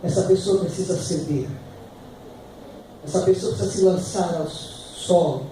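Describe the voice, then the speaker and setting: A middle-aged man with a Brazilian Portuguese accent, preaching a sermon as pastor, fervent and building to loud emphatic peaks. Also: high voice, unhurried. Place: church hall. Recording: echoey hall, distant mic, noisy.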